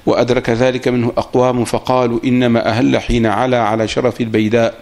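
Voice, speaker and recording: Fast-reading man reciting a text. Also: medium pitch, little pitch movement, darkish tone. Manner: reads steadily, pauses for the teacher's comments. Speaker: student reading the text aloud. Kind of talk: reading a classical Arabic text aloud.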